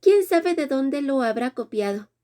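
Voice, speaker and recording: A woman's voice: high-pitched, expressive, dark tone. A woman voicing a haughty teenage girl who draws out her words with disdain in a storybook reading. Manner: drawn-out, disdainful.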